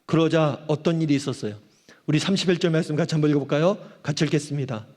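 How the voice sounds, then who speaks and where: Korean pastor preaching in a reverberant hall. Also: male voice, a little high, fast talker, a little mellow. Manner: emphatic preaching, asks the congregation questions and acts out cries to God. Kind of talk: sermon. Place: church auditorium.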